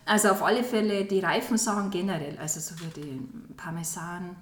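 A woman chatting casually as a podcast co-host, often agreeing and pausing to search for words. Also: lowish voice. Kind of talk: casual chat. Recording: roomy echo.

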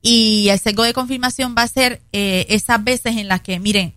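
Bright-voiced woman pastor. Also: on the high side, fairly even intonation, moderate pace, no room sound, studio quality. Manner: earnest preaching tone, addresses audience directly.

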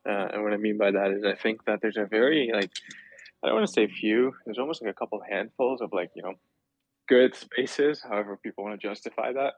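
A man's voice: on the low side, a little fast, no echo, lo-fi sound. A male podcast guest reflecting in a hedging way with many fillers. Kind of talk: casual chat.

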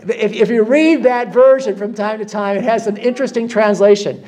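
A man's voice: high-pitched, moderate pace, darkish tone. A male pastor giving a conversational sermon at a church service, often checking in with the congregation with "okay?" and "right?". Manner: chatty, checks in with frequent "okay?" and "right?" tags.

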